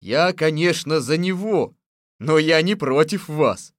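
A man voicing an eager, servile male palace servant who answers in loud, dutiful replies. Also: on the high side, lively intonation, slow, no room sound, studio quality, voice pushed up.

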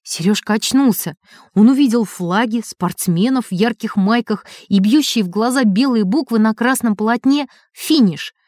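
A woman narrating a storybook in an expressive, animated way. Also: a little high, moderate pace, no echo, studio quality.

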